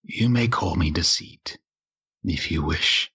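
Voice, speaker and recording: A man voicing an ancient female spirit of deceit who speaks in a slow, solemn, tempting way during a tabletop game role-play. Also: low-pitched, sharp tone, breathy edge, heavily acted.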